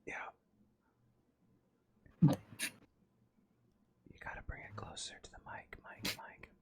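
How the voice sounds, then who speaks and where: A streamer in a joking ASMR livestream, whispering in a mock-soothing way and echoing their own words over and over. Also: takes it slowly.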